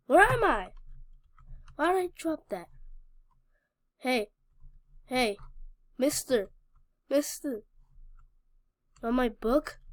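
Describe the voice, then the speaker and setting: High-pitched excitable woman gaming. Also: slow pace, long pauses, no room sound, clean studio sound. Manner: excitable, talks back to the game, slangy; scattered, restarts and stammers. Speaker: gaming channel host. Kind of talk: casual Minecraft gameplay commentary.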